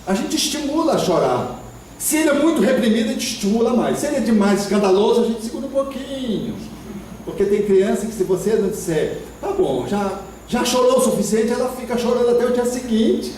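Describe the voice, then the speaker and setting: A Brazilian man giving a spiritist lecture in a hall, expressive and acting out the voices of parents and children. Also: sits high, a little fast, slight background noise. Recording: echoey hall from far off.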